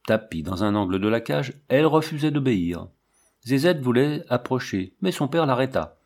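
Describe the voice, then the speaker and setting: A man narrates a novel at an even, measured pace. His voice sits at a middling pitch, and his delivery stays steady and composed. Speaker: audiobook reader.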